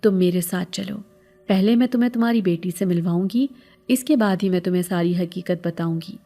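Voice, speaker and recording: A woman playing a calm, secretive veiled woman. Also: on the low side, close to an everyday voice. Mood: soothing. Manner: soothing, reassuring.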